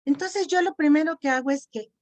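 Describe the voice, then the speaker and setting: Didactic woman lecturer, higher voice. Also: a little fast. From Mexico. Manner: didactic, checks in with frequent "¿sí?". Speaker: lecturer on self-esteem. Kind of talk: online lecture and Q&A.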